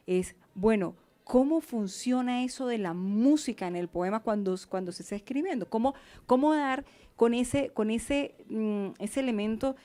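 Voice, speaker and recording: A woman's voice: on the high side, normal speed, mellow. A woman hosting a poetry talk in a café, asking questions with many hesitations. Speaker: host, interviewer. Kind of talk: conversational interview. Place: café event in Cali.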